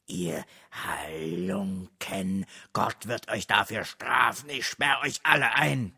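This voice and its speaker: A man's voice: lowish voice, takes it slowly, creaky, sharp tone, breathy edge, heavily acted. A man voicing a furious male army sergeant locked in a room, bellowing curses through the door. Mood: helpless stammer.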